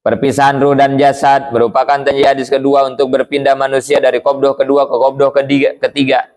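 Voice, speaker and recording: A man's voice: medium pitch, monotone, a little fast, a little mellow. A man teaching an Islamic study lecture in a conversational way, acting out the pleading cries of the dying. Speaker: religious teacher.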